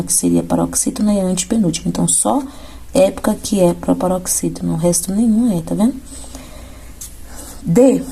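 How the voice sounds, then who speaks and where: A woman's voice: mid-range voice, creaky, dark tone, slightly rough. A woman teaching grammar for exam prep, explaining step by step and often checking in with her students. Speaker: Portuguese teacher. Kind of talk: exam-prep lesson going through questions.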